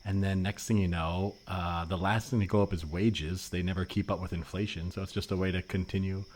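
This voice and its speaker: In improvised comedy, a man plays an earnest, wonkish anarcho-capitalist reading economics on a park bench, explaining things pedantically. His voice sits low and darkish, fairly quick with fairly even intonation, on a noisy remote recording.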